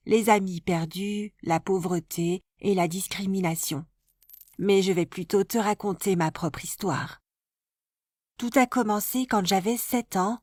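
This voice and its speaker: A woman of middle pitch tells a first-person story in a steady, scripted narration. Her voice is close to the mic and completely dry, with no room around it. The delivery stays even and measured, like a storybook reading. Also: no room sound. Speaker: narrator of an animated life story.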